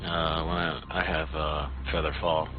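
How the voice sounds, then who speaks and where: A man's voice: extremely low pitch, flat delivery, measured pace. A man playing a tabletop game, talking through the rules in a laid-back, hesitant way. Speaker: player. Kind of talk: casual tabletop game chat. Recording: dull, lo-fi audio with music.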